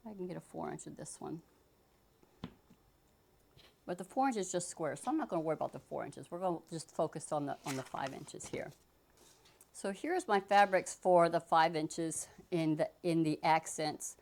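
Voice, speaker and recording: A woman's voice: sits low, animated, normal speed, vocal fry, darkish tone, a little hiss or hum. A woman giving a casual sewing tutorial, chatting through each step as she works with fabric. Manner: chatty, talks while working, frequent restarts. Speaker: sewing instructor. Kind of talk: casual how-to demonstration.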